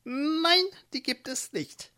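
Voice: high voice, slow pace, pushed and bright, pitched above the performer's own voice, exaggerated voice. A narrator voicing a scheming old witch in a storybook, speaking with false friendliness. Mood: falsely sweet. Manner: sugary, hard underneath. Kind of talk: storybook reading.

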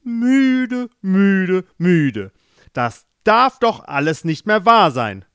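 A man voicing an irritable, blustering middle-aged king who shouts in exasperation. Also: a little high, sing-song, measured pace, dry recording, clean studio sound. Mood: furious.

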